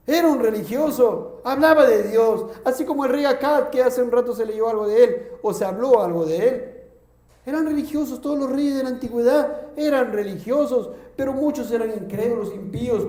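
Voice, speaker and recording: A man from Peru preaching a sermon as pastor, moving between quiet solemn lines and raised, pleading exhortation. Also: sits high. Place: church hall. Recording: echoey church room.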